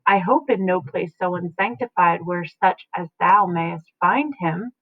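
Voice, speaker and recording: A woman's voice: fairly low pitch, measured pace, no echo. A woman reading a bitter noble mother. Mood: fearful. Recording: tinny phone-like dry sound.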